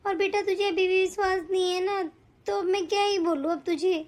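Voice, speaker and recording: A woman voicing a sly older auntie in an animated story, sweet-talking and self-pitying. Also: very high voice, fairly quick. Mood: defensive. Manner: sweet-talking, defensive, fake self-pity. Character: scheming older mother-in-law type woman, sly.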